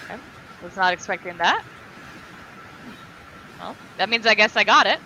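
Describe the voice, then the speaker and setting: A young woman reacting to a horror game in a casual, sweary, excitable way. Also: mid-range voice, moderate pace, slight background noise, low-quality recording. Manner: jumpy, excitable, expressive. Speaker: gaming host playing a horror game.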